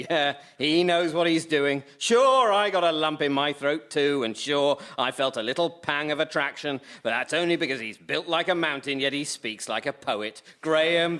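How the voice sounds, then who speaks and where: A man's voice: fairly high pitch, fairly bright tone, lightly acted. A man playing a pompous, irritable panel chair in a radio sketch comedy, blustering and exasperated. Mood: jealous.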